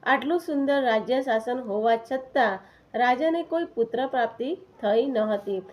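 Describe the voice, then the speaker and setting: A woman narrating a devotional story in a steady, even reading voice. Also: fairly high pitch.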